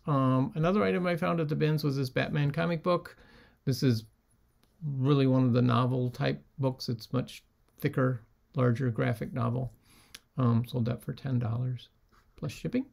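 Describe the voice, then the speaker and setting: A man talking casually in a vlog about items he resold, with lots of ums and a relaxed way of talking. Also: mid-range voice, moderate pace, gravelly. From United States. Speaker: reseller showing sold items.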